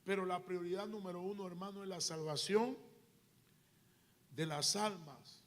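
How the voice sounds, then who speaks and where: A man who is a pastor, preaching a sermon in church with rising, shouted intensity. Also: high voice, unhurried. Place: church sanctuary.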